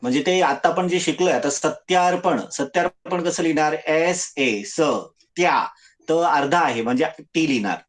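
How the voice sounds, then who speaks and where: A man's voice: on the high side, normal speed, hardly any pauses. Firm man teaching an online class. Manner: firm, spells words letter by letter. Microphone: video call.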